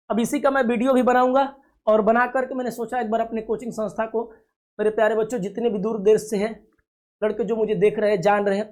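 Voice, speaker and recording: A male coaching teacher with a fairly high voice walks students through exam questions. He coaxes them along, calls them his dear children and keeps checking that everything is clear. He sounds sure of himself and makes promises with full confidence. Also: a little mellow. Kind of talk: classroom-style reasoning lesson for video.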